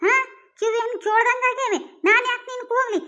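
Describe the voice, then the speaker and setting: High-voiced village woman. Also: fairly even intonation, a little fast, sharp tone, muffled recording. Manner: complaining, hard-of-hearing village aunt talk. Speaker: elderly village mother-in-law character. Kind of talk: rural comedy sketch dialogue.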